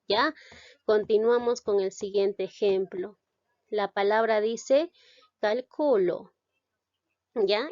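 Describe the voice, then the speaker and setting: A woman's voice: medium pitch, a little mellow, dry recording, muffled recording. A woman teacher giving a spoken grammar lesson, stressing syllables and asking the class questions as she goes.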